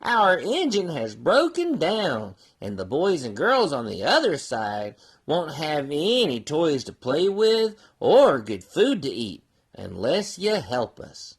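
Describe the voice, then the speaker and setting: A woman voices small toys from a children's tale. They plead earnestly in slow, drawn-out phrases with expressive pitch. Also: breathy edge, full character voice. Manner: imploring, drawn-out pleas. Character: pleading little dolls and toys.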